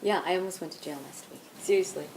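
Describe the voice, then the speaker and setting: A chatty young woman , as an actress plays her, rambles through a story to a friend, tripping over likes and ums. Her voice sits at a middle pitch. There is a faint hiss behind her in this low-key indie-film scene. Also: moderate pace, close to an everyday voice, low-quality recording. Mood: animated. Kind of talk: naturalistic indie film dialogue.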